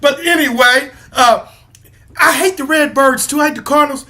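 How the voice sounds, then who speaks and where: A man co-hosting a casual sports podcast, animated and teasing as he mocks rival baseball teams. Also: very high-pitched, normal speed. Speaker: podcast co-host.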